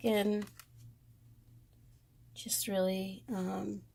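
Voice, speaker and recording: Woman, Boston accent, unhurried, creaky voice, casual card walkthrough. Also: medium pitch, monotone, dark tone, a little hiss or hum. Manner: slow, hesitant, lots of ums, gushing. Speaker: tarot deck reviewer.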